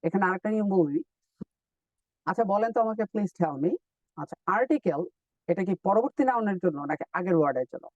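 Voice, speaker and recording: Guy teaching english online, high voice, dry muffled mic a bit far off, repeats words slow. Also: expressive, no room sound. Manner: explains step by step, repeats drill words slowly. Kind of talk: live online lesson.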